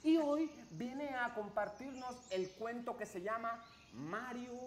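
A man's voice: very high voice, takes it slowly, echoey room. A middle-aged man playing a cheerful, childlike clown host of a kids show, speaking in an exaggerated, wide-eyed, theatrical way. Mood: cheerful, welcoming. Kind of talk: kids show host, animated story reading.

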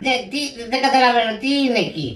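A weary psychotherapist, played by a woman, keeps her voice calm and soothing. Her sarcasm comes out deadpan. She sounds set back from the mic in a reverberant room. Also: fairly high pitch, distant mic, natural voice. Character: weary, dry-witted psychotherapist. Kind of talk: comic audio sketch acting.

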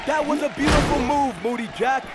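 An actor playing an excitable, wisecracking male lucha libre announcer calling a match in a wrestling video game with emphatic banter. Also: very high-pitched, brisk. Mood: excited, joking. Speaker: commentator. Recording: loud arena crowd and music behind.

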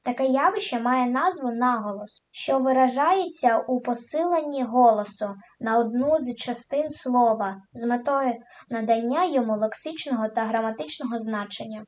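Woman teacher, high voice, scripted lesson narration with crisp emphasis on examples. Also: normal speed, a little hiss or hum. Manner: clear, emphatic stressing of example words.

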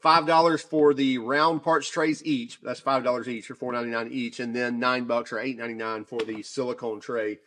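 A man casually reviewing shop tools off camera, talking in a chatty, relaxed way with many fillers and restarts. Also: medium pitch, moderate pace, few pauses. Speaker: tool reviewer.

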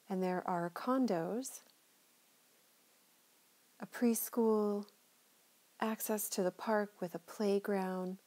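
A woman's voice: medium pitch, a little mellow. A middle-aged woman chatting enthusiastically as she narrates a tour of her neighborhood from inside a moving car. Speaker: local real estate tour guide.

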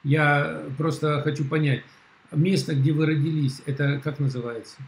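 A man's voice: fairly high pitch, fairly even intonation, moderate pace, rough recording. Blunt mocking middle-aged man. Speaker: video call participant. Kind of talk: heated casual argument. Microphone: video call.

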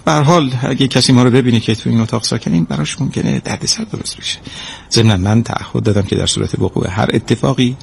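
A man acting in an amateur audio drama voices a weary, defensive husband caught with a knife, who begs and swears it was a joke. His voice is medium-pitched with vocal fry and a slight hiss or hum.

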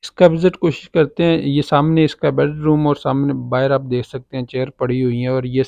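A property agent with a Pakistani Urdu accent briskly walks a farm property outdoors, casually pointing out parts of the farmhouse with many fillers. His mid-range voice is creaky and darkish, and his delivery is flat. There is no echo.

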